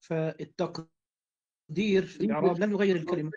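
A man explains a classical text slowly and patiently, like a teacher guiding a reader. His voice is husky and mellow, a little higher than most men's. The recording sounds muffled and lo-fi. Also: fairly even intonation. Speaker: teacher correcting a student's reading.

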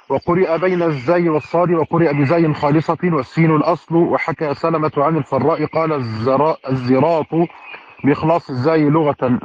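A man's voice: a little high, highs cut off, a little hiss or hum. A man reading a classical commentary aloud in a study circle, with fluent, formal delivery and careful vowel endings.

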